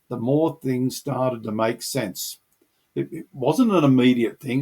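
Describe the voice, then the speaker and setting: Speaking in a husky, darkish voice of medium pitch, a middle-aged man recounts his personal journey to faith with earnest reflection. He's the channel host, sharing his testimony as a story.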